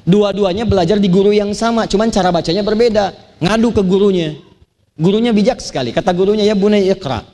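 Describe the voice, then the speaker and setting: High-pitched male preacher from Banten, chanting Quran verses amid lively sermon stories. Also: fast talker. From Banten, Indonesia. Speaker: Islamic preacher. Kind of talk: sermon to a live audience.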